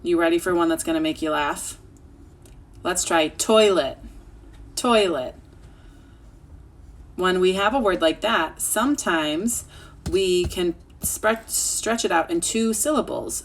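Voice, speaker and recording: A woman teaching children an online phonics lesson, sounding out words slowly and clearly. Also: lowish voice, expressive.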